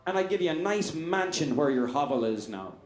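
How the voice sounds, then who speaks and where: A man's voice: a little high, big pitch swings, fairly quick, roomy sound. A man voicing a sly, bargaining female leprechaun in a told joke, offering deals in a matter-of-fact tone.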